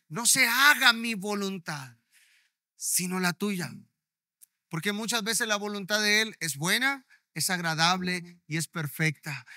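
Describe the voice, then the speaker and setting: A man's voice: sits high, bright, forceful tone, no room sound, studio quality. A male pastor preaching a sermon, emphatic and often checking in with his listeners.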